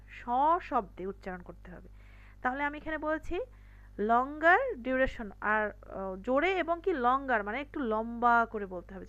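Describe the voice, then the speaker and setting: A woman teaching an English lesson to school pupils, patiently repeating words slowly to show where the stress falls. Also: sits high, a bit bright, lo-fi sound. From Bangladesh. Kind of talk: classroom lesson explanation.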